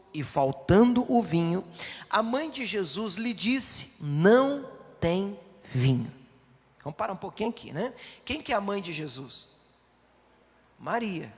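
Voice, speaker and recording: High-voiced pastor preaching in a reverberant hall. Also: male voice. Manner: emphatic preaching, quick asides to the congregation. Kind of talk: sermon.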